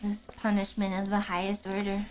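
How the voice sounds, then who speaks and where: A woman streamer chatting casually while gaming, giggly, excitable and teasing. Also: mid-range voice, a little fast, background noise. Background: game music.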